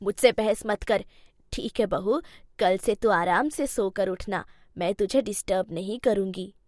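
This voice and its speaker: A woman voicing a stern but caring old mother-in-law in a cartoon story, talking slowly as she scolds and soothes. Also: medium pitch, no room sound, clean studio sound, pitched below the performer's own voice, lightly acted. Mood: stern, gentle. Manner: slow, scolding, then soothing.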